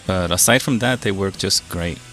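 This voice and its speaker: A man working as an HVAC technician, explaining his maintenance steps in a relaxed way with plenty of fillers, a little out of breath from his mask. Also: low-pitched, normal speed, faint music behind. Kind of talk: casual how-to narration while working. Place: house basement and yard, on a service call.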